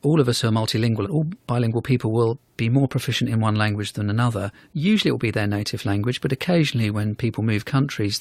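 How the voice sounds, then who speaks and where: A man, a neurology professor, explaining in a radio interview in a measured, thoughtful way, often softening his points with "sort of". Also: mid-range voice, dry recording, studio quality. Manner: measured, thoughtful, fond of hedges such as "sort of".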